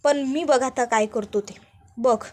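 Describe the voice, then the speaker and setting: A woman voicing a furious young man in a serial recap, shouting accusations and demanding answers. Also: fairly high pitch, brisk, close to an everyday voice.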